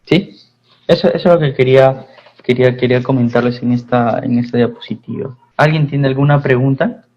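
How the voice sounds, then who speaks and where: A man's voice: medium pitch, fairly quick, highs cut off. A man with a Peruvian Spanish accent teaching a pharmacy class, repeating his phrases and checking in with students. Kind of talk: online class lecture.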